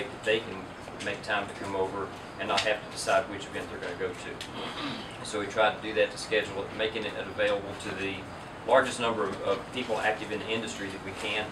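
A middle-aged man, an auction company owner, giving a businesslike statement at an indoor press event, picked up from a distance. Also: lowish voice. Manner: businesslike, steady explaining. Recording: roomy, distant, loud air-conditioning hum.

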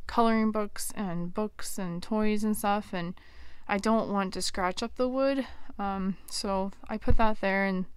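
Her medium-pitched voice is smooth and fairly even, moving at a measured pace with few pauses and no echo. This woman in her thirties gives a casual tour of her small wooden camper trailer on a handheld phone, saying um and like a lot.

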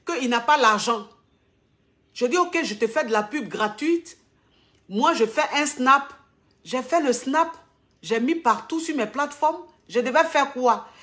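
A woman influencer speaks straight to her followers in a live video, her voice sitting a little high. She is indignant and emphatic, driving each point home by saying it again and again. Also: fairly bright tone. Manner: emphatic, repeats phrases for stress. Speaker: social media influencer.

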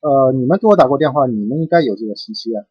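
A man's voice: mid-range voice, lively intonation, racing, husky, dry recording. A man speaking over a phone line, hesitant and wary as he deflects questions about himself. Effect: heard over a phone line. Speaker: call recipient. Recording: muffled dull phone line.

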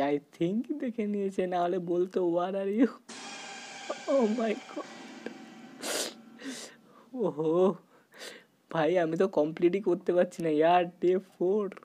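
A man giving excited, panicky commentary while playing a horror game, at times dropping to a hushed voice out of fear and mixing in English exclamations. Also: high voice, normal speed. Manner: sometimes talks softly out of fear. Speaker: gaming YouTuber.

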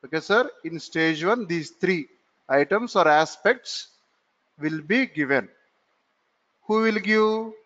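Male classroom instructor, lecturing in a slow drawl with self-posed questions; muffled lo-fi sound with long room echo. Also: high voice, animated, a bit bright. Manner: slow, repeats phrases and asks himself questions. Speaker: computer course instructor. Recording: dull lo-fi recording in a reverberant room.

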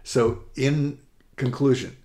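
A middle-aged man giving an upbeat, rushed presentation as a college essay coach, often correcting himself mid-sentence. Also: mid-range voice, fairly even intonation, warm tone. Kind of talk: presentation to parents and students.

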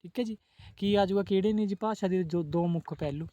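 A man's voice: high voice, fast, warm tone. A man teaching exam-prep questions, who asks each question and then answers it, adding a polite "ji" again and again.

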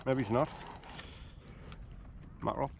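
Middle-aged man, gravelly voice, casual chat, angler in a small boat, action camera, loud sea and wind noise. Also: medium pitch, steady tone, a little slow. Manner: chatty, dry humour, laughs often. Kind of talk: casual chat while fishing.

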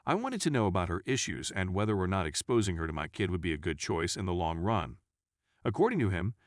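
A man reading out a first-person forum story as scripted narration, at an even reading pace. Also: low voice, no room sound, studio quality.

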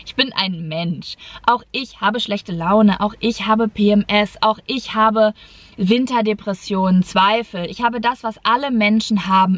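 A young adult woman talking candidly and personally to camera in an emphatic, expressive way. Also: medium pitch, dry recording. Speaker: vlogger. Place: inside a parked car. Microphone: camera at dashboard distance.

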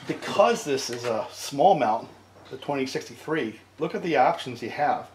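At the bench in his cluttered home workshop, the chainsaw repair host talks through the fix with a mid-range, expressive voice at normal speed, frequently asking "right?" He's middle-aged, and a camera mic on a tripod catches the echo and background noise.

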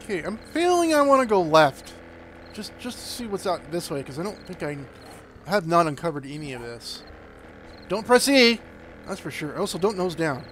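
A man chatting casually as he plays, excitable and quick to break into panicked yelps. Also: sits high, a little hiss or hum. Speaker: gaming streamer. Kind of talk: casual gameplay commentary.

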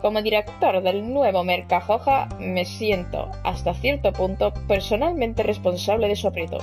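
A woman's voice: mid-range voice, normal speed, darkish tone, natural voice. A woman with a Spain Spanish accent reading the lines of a smug male corporate store director in a mock-formal tone, with game music behind her.

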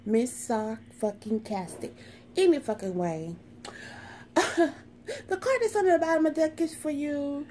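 A woman's voice: sits high, warm tone, slight background noise. A woman doing a sassy, profane tarot reading in a brash, sarcastic way, swearing constantly. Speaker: tarot reader.

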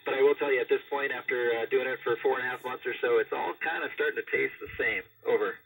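A man's voice: medium pitch, gravelly. Man, middle-aged, astronaut, radio transmission with static, distant sound, plain easygoing answers, says over. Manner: easygoing, explains plainly, pauses on "uh", ends each answer with "Over". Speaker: astronaut answering questions from students.

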